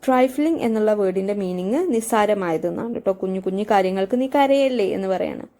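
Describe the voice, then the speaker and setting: Malayali woman teacher, mellow tone, slow explainer full of hesitations. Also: mid-range voice, expressive. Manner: reads English lines very slowly, then explains at length with many fillers. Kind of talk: explaining an English story in Malayalam.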